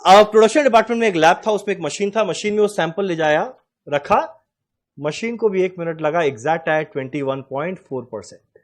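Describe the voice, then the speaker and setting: A man in his forties teaching a class, explaining with animated anecdotes and acting out dialogue. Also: high voice, fairly quick. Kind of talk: classroom lecture with storytelling.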